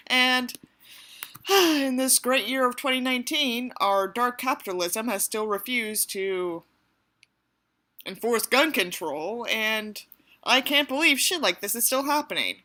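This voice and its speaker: Reading a book aloud as narrator and commentator, this woman has a medium-pitched, sharp-toned voice. Her delivery is theatrical and sardonic, with a sarcastic, sweary streak.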